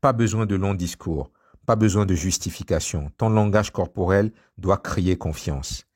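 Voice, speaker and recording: A man reading a scripted motivational voice-over in a slow, emphatic, commanding way. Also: sits low, a little mellow. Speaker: motivational narrator.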